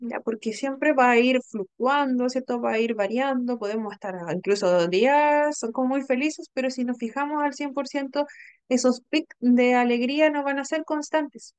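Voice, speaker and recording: A woman's voice: high voice, normal speed, a little mellow, clean tone, no echo. A young adult woman, teaching a training class and explaining patiently, often checking in with her listeners. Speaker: instructor.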